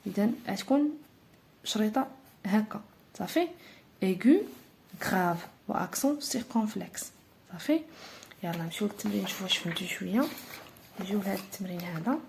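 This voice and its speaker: A woman with a Moroccan Arabic accent teaching a French grammar lesson, explaining step by step with patient pauses and fillers. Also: medium pitch, gravelly, a little mellow, slight background noise.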